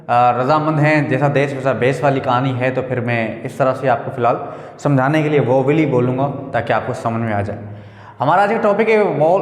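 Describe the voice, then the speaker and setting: A man with a fairly high voice teaches a grammar lesson, walking through each point slowly and putting questions to his listeners. He repeats words as he goes. The sound rings with a long reverb, as if he is recording in a bare room. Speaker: English teacher.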